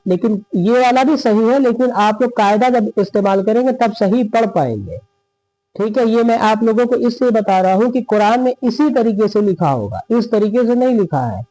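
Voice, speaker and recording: A man teaching Quran reading in a slow step-by-step lesson, drawing out each word as he demonstrates it and checking in often with his listeners. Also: high-pitched, mellow, no echo, low-quality recording. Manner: drawn-out demonstration of words, frequent checking "theek hai".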